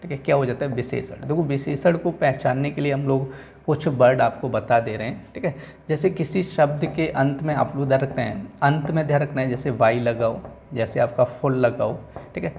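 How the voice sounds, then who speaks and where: A man's voice: mid-range voice, moderate pace, gravelly, darkish tone, a little hiss or hum. A male teacher giving a classroom lecture who keeps asking his own questions and answering them, speaking English words.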